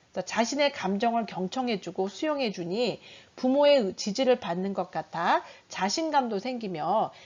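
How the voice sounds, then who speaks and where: A middle-aged woman giving an online parenting lecture, animated and asking the audience questions as she acts out parent and child dialogues. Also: a little high, highs cut off. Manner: asks the audience rhetorical questions.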